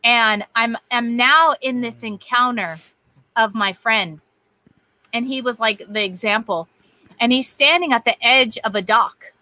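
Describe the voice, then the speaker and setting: A woman telling a spiritual story in casual chat, animated and quoting voices as she goes. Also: on the high side, measured pace, no room sound. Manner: animated, quotes voices, laughs easily. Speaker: guest sharing testimony.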